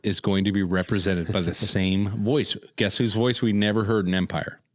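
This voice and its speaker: Low-voiced guy cohosting a fan podcast, jokey and animated, runs the talk. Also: normal speed. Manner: animated, jokey, leads the discussion. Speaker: podcast co-host. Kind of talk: casual podcast chat.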